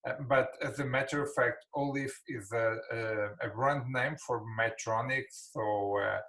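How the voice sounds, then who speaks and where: Portuguese-accented male surgeon, non-native speaker, halting webinar lecture with many fillers, video-call mic. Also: mid-range voice, a bit bright, low-quality recording. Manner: hesitant, many fillers and restarts. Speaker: spine surgeon.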